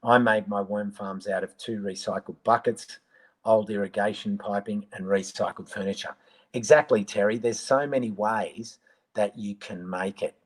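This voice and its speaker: A man talks in a fairly low voice, speaking casually into a live-stream microphone. He rambles and restarts often, with plenty of ums as he answers viewers one by one. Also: steady tone, normal speed, poor audio. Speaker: gardening presenter answering viewer questions.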